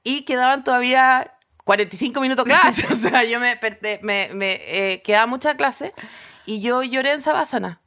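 A woman's voice: fairly high pitch, moderate pace. A woman with a Chilean accent telling a comic story in casual chat, acting out voices as she goes. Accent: Chilean Spanish. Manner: animated, acts out voices and shouts in her story.

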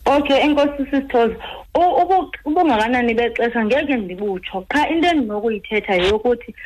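Higher-voiced South African woman doctor explaining. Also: animated, slight background noise, rough recording. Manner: halting, repeats word beginnings. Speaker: doctor, guest expert. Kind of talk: explaining medical advice on radio.

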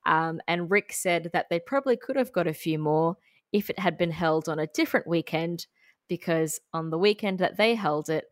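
A woman's voice: on the low side, moderate pace, no room sound, clean studio sound. An Australian woman co-hosting a podcast, telling a story in a chatty, giggly way. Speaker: podcast co-host. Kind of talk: casual chat.

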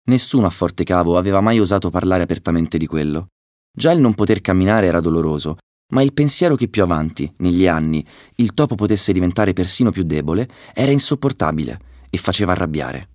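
A man narrating a children's story in a steady, measured way. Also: deep voice, no room sound, studio quality.

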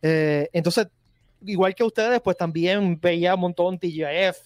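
A man's voice: high voice, fairly even intonation, normal speed, dry recording, studio quality. A man co-hosting a casual chat, talkative and steering the discussion, speaking from home on a video call. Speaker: podcast co-host.

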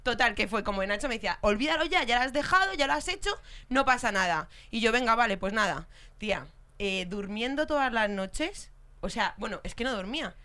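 A woman with a Spain Spanish accent telling a story in casual chat, animated, swearing and laughing as she goes. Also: on the high side, a little fast. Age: adult with a young child. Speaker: podcast co-host telling a story.

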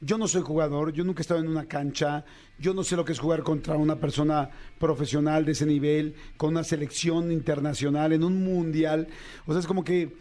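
A man's voice: fairly high pitch, fairly even intonation, a little fast, dark tone. A Mexican man hosting a podcast, talking in a passionate, rambling casual chat full of slang and repeated words. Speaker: podcast host.

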